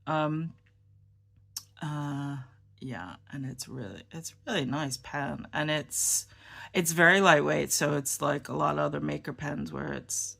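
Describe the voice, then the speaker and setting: A woman's voice: low-pitched, measured pace, gravelly, a bit bright. A woman vlogging about fountain pens in a casual show-and-tell chat. She sounds tired and subdued, rambling and hesitant, with many ums and restarts.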